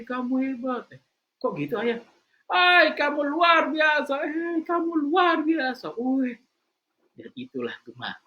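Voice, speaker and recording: A man giving a lively religious motivational talk, telling stories and shouting out the voices of their characters. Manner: animated storytelling, acting out voices in a high shout. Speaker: preacher. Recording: slightly dull lo-fi recording.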